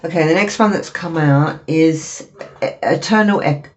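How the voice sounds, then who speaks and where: A woman's voice: low voice, normal speed. A woman with a cold, sniffling as she gives a chatty, apologetic tarot reading to camera with lots of fillers. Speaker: tarot reader. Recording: dull lo-fi recording with faint noise.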